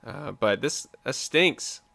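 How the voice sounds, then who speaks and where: Man, podcast co-host, bright forceful voice, animated and opinionated. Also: medium pitch, slow, vocal fry, dry recording. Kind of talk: casual chat. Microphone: remote video call.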